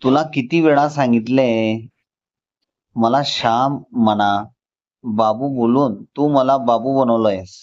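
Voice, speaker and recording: A man's voice: mid-range voice, takes it slowly, long pauses, darkish tone, lightly acted. A man voicing a lovestruck, easily irritated young man in a storybook, with a plain, slightly peevish reading. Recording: slightly dull lo-fi recording.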